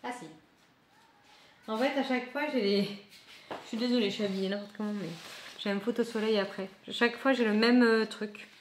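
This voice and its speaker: A woman's voice: a little high, steady tone, moderate pace, long pauses, slight background noise. A woman vlogging casually as she unboxes a book subscription box, chatty and thinking aloud with frequent asides.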